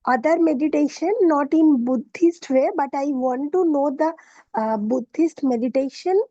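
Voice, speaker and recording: A woman's voice: sits high, moderate pace, dark tone, no room sound, lo-fi sound. A woman from Kolkata, asking a question hesitantly with many filler sounds. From Kolkata, India. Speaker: session participant.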